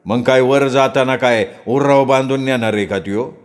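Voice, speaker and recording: A man plays a flashy, scheming young rich man from a village, speaking in a slow, coarse, coaxing drawl. His pitch is medium and his voice sounds natural.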